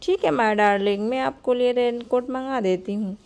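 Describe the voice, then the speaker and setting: A woman's voice: a little high, moderate pace, darkish tone, close to an everyday voice. A woman voicing a rich, indulgent young mother in a cartoon story, speaking in a doting way.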